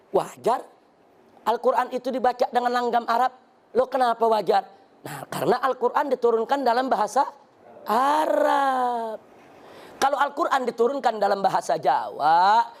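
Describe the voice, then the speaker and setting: A man from Jakarta with a Jakarta Indonesian accent, preaching a lively sermon to a congregation. He speaks emphatically, keeps calling his listeners "brothers", and mimics dialects for humor. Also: very high voice.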